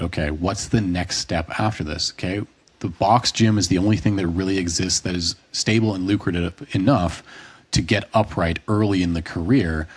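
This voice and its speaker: A man with a very low, husky voice holds forth in a casual podcast conversation. He thinks out loud in long, looping sentences, restarting himself and throwing in the occasional curse word. He sounds like a fitness coach in his late twenties or thirties. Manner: long rambling explanations, frequent restarts, occasional swearing.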